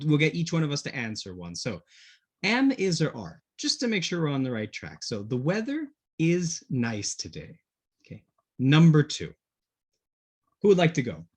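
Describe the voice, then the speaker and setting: Man, teacher, video call, husky, lively pitch, patient check-ins. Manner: patient, checks understanding with frequent "okay?". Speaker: English teacher. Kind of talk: online class, switching between English and Spanish.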